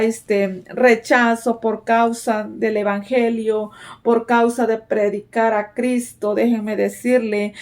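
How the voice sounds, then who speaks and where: A woman's voice: fairly high pitch, darkish tone. A woman preaching a sermon in an earnest, exhorting way, often asking her listeners "right?" and repeating her phrases. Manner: repeats "¿verdad?" and "déjenme decirle" as fillers.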